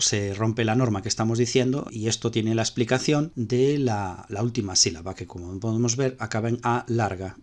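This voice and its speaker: A man with a Spanish accent teaching ancient Greek grammar step by step, repeating key points as he explains slides. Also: lowish voice.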